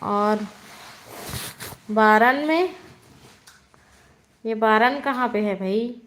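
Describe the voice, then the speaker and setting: A woman's voice: on the high side, very slow, fairly bright tone, a little hiss or hum. A woman from Chhattisgarh, hosting a casual live stream and greeting viewers by name. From Chhattisgarh, India. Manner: greets viewers by name and asks where they are from. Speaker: live-stream vlogger host.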